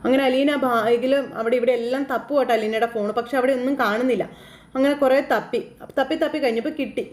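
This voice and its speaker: Chatty woman recap narrator, quick and fairly high, roomy echo. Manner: chatty, animated storytelling with frequent asides. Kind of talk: casual retelling of a TV serial episode.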